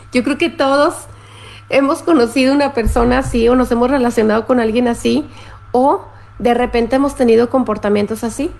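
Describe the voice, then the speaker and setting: A middle-aged woman, hosting a live stream as a therapist and explaining things calmly while she greets viewers and reads their comments. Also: a little high, vocal fry.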